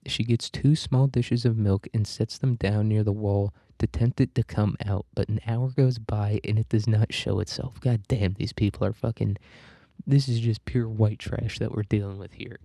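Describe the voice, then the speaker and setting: Man, podcast host, reading story aloud, swearing asides, deep dark voice, dry close sound. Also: fairly even intonation, moderate pace, dry recording. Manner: irreverent, swearing, laughing asides.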